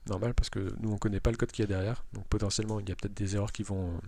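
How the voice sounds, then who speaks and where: Low gravelly man coding aloud. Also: little pitch movement, very fast, darkish tone, a little hiss or hum. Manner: thinks aloud, many hesitations and restarts; self-mocking asides with laughs. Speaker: Java developer. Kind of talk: live coding tutorial. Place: at a computer, indoors.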